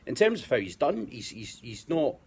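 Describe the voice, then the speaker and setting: A man with a Scottish accent, a guest pundit in a casual football chat, talking in a measured way and repeating words as he finds his point. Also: medium pitch, big pitch swings, darkish tone, a little hiss or hum.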